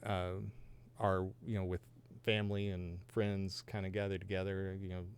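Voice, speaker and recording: A man's voice: deep voice, flat delivery, normal speed, slight background noise. A man in his fifties from Georgia and Texas, sharing his faith testimony as a podcast guest in an earnest, reflective way with light self-deprecating humor. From Georgia and Texas, USA. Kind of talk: personal testimony in a podcast conversation.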